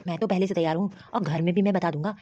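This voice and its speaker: A woman voicing a bossy, dismissive young husband and son in an animated cartoon. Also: fairly low pitch, rapid-fire, no echo, lightly acted. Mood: casual. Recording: dry, dull lo-fi audio.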